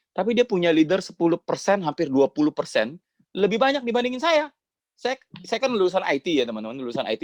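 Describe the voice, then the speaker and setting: A man giving a motivational storytelling talk to a sales team, lively and conversational, acting out bits of dialogue. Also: medium pitch, dry recording. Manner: lively, acts out quoted dialogue, keeps addressing the audience as friends; plain conversational delivery with frequent fillers. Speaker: guest speaker at a sales team meeting.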